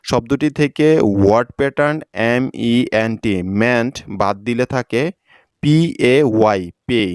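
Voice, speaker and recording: Male tutor, patient and methodical, smooth resonant tone, dry close-miked sound. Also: medium pitch, dry recording. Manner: patient, spells words out letter by letter. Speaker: English teacher. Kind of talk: scripted lesson narration.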